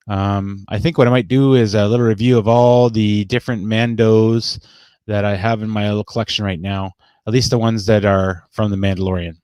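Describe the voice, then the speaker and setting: In a lowish voice with no room sound, a vlogger casually presents his collection to the camera. The tone of his show-and-tell is upbeat and playful.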